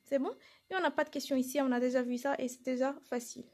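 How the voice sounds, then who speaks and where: A woman's voice: high-pitched, fairly even intonation, fast, a little mellow. A woman teacher giving a lesson, explaining step by step and answering her own questions. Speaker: French teacher. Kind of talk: classroom lesson.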